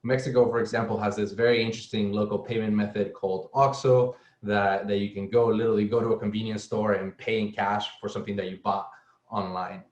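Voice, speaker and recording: This guest on a relaxed panel is a young Salvadoran software engineer with a low, level voice. He speaks haltingly, tripping over repeated words and leaning on fillers. The audio is reverberant, with the highs cut off.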